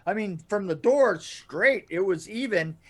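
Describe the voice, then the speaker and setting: A high-pitched, middle-aged man who regularly guests on a podcast spins casual anecdotes, speaking from an indoor room over video call. He's animated, laughs as he tells his stories, and often falters and repeats himself.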